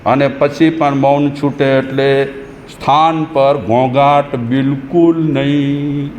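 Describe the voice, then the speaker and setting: A man's voice: mid-range voice, steady tone, slow, a little mellow. A man, a Jain monk, giving a sermon in a conversational, humorous way and chanting verses in between. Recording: echoey hall with faint noise.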